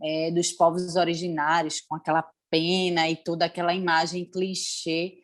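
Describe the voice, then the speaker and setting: A woman's voice: lowish voice, level tone, moderate pace. A woman hosting a live-stream interview, speaking reflectively and hesitantly, often repeating words. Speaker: host.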